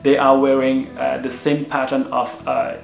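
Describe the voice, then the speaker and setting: This explanatory video shows a thirties-aged Indonesian vlogger on a sofa at home, speaking earnestly to camera and leaning on "uh" fillers. His medium-pitched, gravelly voice is monotone at normal speed, set in reverberant indoor acoustics with faint music playing.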